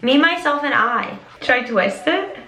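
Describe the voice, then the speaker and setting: Young woman vlogger, bubbly and giggly, higher voice. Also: animated, measured pace, sharp tone, echoey room, a little hiss or hum. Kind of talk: casual vlog chat.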